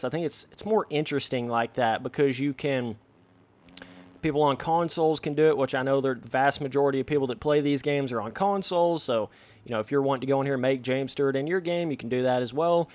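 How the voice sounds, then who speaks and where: A man's voice: medium pitch, darkish tone, no room sound. A young man talking straight to his viewers in a brash, slangy way while he comments on a game. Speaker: gaming YouTuber. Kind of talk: casual gameplay commentary.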